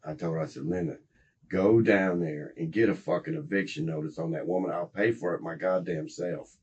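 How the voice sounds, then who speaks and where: A man's voice: deep voice, steady tone, a little fast, a little mellow, a little hiss or hum. A middle-aged man, rambling and swearing as he recounts events in a recorded police interrogation. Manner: rambling, profane, agitated recounting. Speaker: interrogation suspect. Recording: muffled interrogation room recording.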